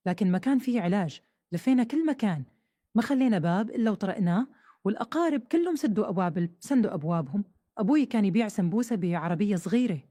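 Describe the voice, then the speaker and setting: Fast-talking woman telling a story. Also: mid-range voice, dark tone, dry recording, clean studio sound. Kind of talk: first-person audio story narration.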